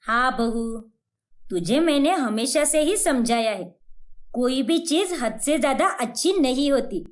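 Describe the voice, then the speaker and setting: A woman's voice: high-pitched, lively intonation, measured pace. A woman doing a stern, preachy mother-in-law. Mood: lecturing. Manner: preachy, lecturing. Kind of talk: cartoon voice acting.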